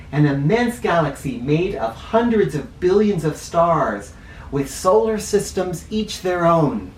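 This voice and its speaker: Reading a children's picture book aloud, a man with a medium-pitched voice stands a little way from the mic in a roomy, echoey space, so he sounds distant. He explains things as he goes and drops in informal teaching asides, with faint noise underneath.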